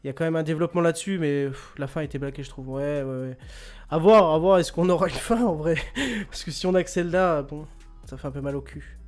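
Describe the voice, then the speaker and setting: A man's voice: fairly high pitch, fairly quick, faint music behind. A man hosting a casual quiz show, joking, laughing often and repeating his words. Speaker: host of an online quiz radio show.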